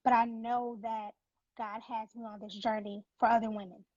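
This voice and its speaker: A woman's voice: a little high, level tone, normal speed, a little mellow, dry recording, highs cut off. A woman who founded a nonprofit, speaking as an interview guest in an earnest, faith-driven, emphatic way. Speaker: nonprofit founder, former NICU mom.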